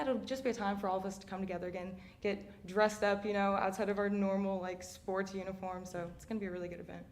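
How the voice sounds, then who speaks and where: A young woman being interviewed as a student athlete guest. She answers in an upbeat, chatty way with lots of "you know". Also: mid-range voice. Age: young adult.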